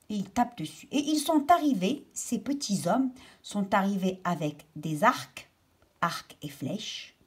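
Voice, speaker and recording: Slow, lilting woman teacher. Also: mid-range voice, a little mellow, breathy edge. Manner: slow, patient explaining of words to children. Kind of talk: reading and explaining a children's story.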